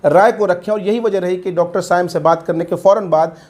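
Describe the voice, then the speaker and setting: Male reporter talking to camera, calm and explaining, slightly high voice. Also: brisk. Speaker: news reporter. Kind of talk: news commentary to camera.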